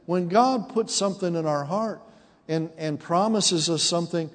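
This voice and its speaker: At a normal speed and in a high-pitched voice, a pastor in his forties addresses his congregation through call-and-response preaching that rises to emphatic peaks. The room sounds big.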